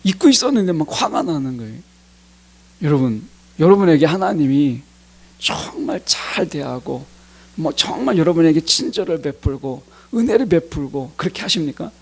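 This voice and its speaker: Middle-aged man, pastor, sermon delivery; breathy voice that swoops all over the place. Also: fairly high pitch, big pitch swings, moderate pace, a little mellow. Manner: addresses the congregation directly, acting out complaints to God in quotes.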